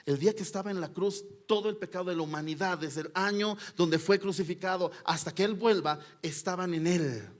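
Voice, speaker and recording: A man preaching a sermon with passion. His delivery swings between loud climbs and hushed drops, and he keeps asking his listeners rhetorical questions. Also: high voice, brisk, few pauses.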